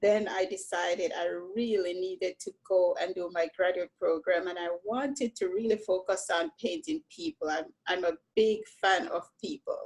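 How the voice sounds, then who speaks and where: Woman painter, kinda husky voice, chatty reflective storytelling, lots of "you know". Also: fairly low pitch, moderate pace, few pauses, darkish tone, rough recording. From Jamaica. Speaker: painter, interview guest. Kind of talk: relaxed conversation.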